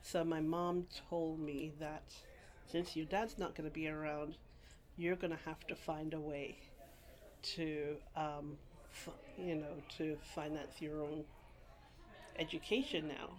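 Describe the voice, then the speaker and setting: A middle-aged woman from England speaks with a somewhat low voice. She tells her story in a rambling, unhurried way, with restarts and laughs. It is an oral history interview recorded in a library. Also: level tone. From England, grew up partly in Guyana.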